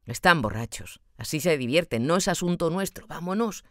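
A weary peasant father in an audiobook, as a woman narrator puts him on. He speaks low and calm but firm. The recording is close and dry. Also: moderate pace, no room sound. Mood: soothing.

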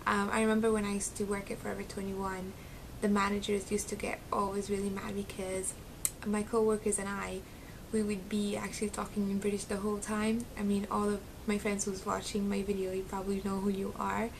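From her small bedroom, seated in front of a close webcam, a young Syrian beauty vlogger chats casually and giggles, with lots of ums and a slight Arabic accent. Her medium-pitched delivery is fairly quick and completely flat, and background noise is present.

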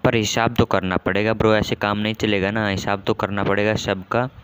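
A man hosting a gaming channel, giving casual commentary on a match with excitable, self-mocking banter and lots of repeated exclamations. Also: lowish voice, brisk, clear, resonant tone. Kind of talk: casual live game commentary.

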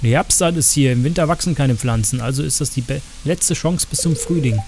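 A man's voice: medium pitch, a little fast, a little mellow, faint music behind. A man giving casual, chatty gameplay commentary as a streamer, joking around and cursing in crude asides to his chat.

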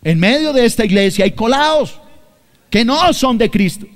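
A pastor from Colombia with a Bogotá accent in his Spanish preaches emphatically to his congregation, repeating phrases and speaking to them directly. His voice is extremely high and expressive, at a moderate pace.

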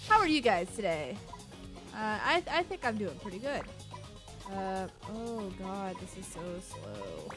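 A woman's voice: medium pitch, sing-song, a little slow, over music. A woman hosting a casual let's play, chatty, self-mocking and playful. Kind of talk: casual game commentary.

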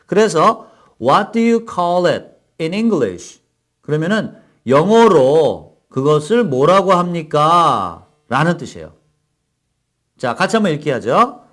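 A man teaching English phrases to Korean learners, explaining in Korean and modeling each phrase slowly and clearly for repetition. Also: a little high, sing-song, fairly bright tone. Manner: slow, carefully enunciated English model phrases between brisk explanations. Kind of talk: language lesson with repeat-after-me drills.

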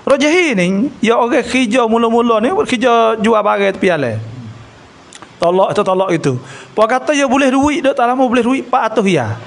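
A man with a Kelantan Malay accent giving a religious talk, telling a story with acted-out dialogue and frequent throat clearing. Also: very high voice, normal speed. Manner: animated storyteller, acts out dialogue. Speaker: religious lecturer.

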